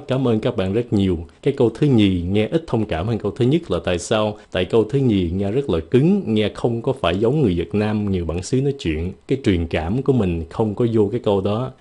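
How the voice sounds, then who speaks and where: A man's voice: on the low side, dark tone. A man from Vietnam teaching English phrases in a casual video lesson, playful and showing how each phrase should sound. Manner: playful, demonstrates phrases with shifting intonation.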